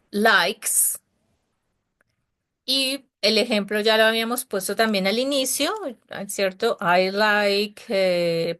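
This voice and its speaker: A woman's voice: on the high side, a bit bright. A Spanish-speaking woman teaching an English class over a video call, patient and encouraging, explaining pronunciation step by step.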